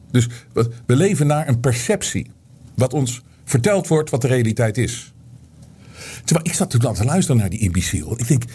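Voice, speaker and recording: A middle-aged man speaks to his audience in a loose, rambling monologue, stumbling over fillers and restarts before building into animated argument. His voice is husky and mellow, with a dark, soft tone. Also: on the high side. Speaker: online show host. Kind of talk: casual monologue to viewers.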